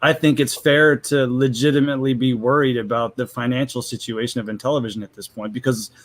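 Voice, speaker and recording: A man's voice: medium pitch, steady tone, brisk. Frank rambling man in his thirties. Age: 30s. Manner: frank, rambling, self-justifying. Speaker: guest panelist. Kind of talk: casual livestream chat.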